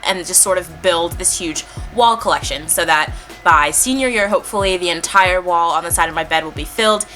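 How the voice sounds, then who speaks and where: A woman's voice: on the low side, sharp tone. A young woman in college giving chatty, upbeat decorating tips in a casual vlog. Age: young adult. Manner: chatty and upbeat, with lots of fillers. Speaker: college student vlogger.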